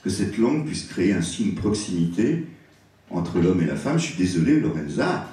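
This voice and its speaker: A man with a deep, warm voice gives a public lecture on word origins as a guest lecturer, speaking at a normal pace in a sing-song, expressive way and savouring each word. He's in a large hall at an evening event, and the recording is echoey, with his voice coming from a distance.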